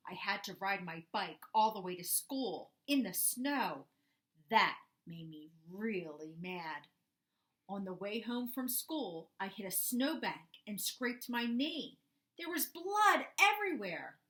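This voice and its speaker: Playing a grumpy young bull calf, a woman tells a children's story in the first person with indignant drama. She speaks a little slowly in an animated, medium-pitched voice with a slightly bright quality.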